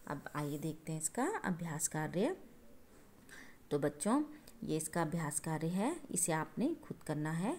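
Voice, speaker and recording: A woman with a slightly low voice teaches young children. She explains a poem line by line, going over each point again and pausing often to check they follow. Her manner stays patient and steady. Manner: patient, repetitive explaining with frequent checking asides; addresses listeners as children. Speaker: schoolteacher.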